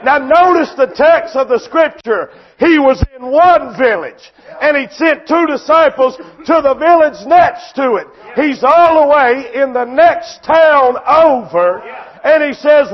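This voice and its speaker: A man preaching a sermon, impassioned and often shouting, with a repetitive preaching cadence. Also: very high-pitched, lo-fi sound.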